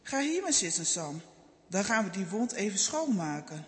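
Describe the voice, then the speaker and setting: A man voicing a worried, weary mother in a children's storybook, speaking gently and quietly in a raised voice. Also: high voice, sing-song, normal speed, in a large hall, a little hiss or hum. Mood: caring.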